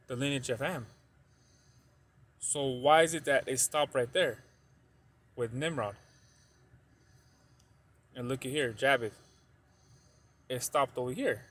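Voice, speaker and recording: A man's voice: mid-range voice, a bit bright. A man giving a casual religious teaching to his video audience. He rambles, fills gaps with "you know", and repeats points for stress. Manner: rambling, heavy use of "you know" and a tag "though".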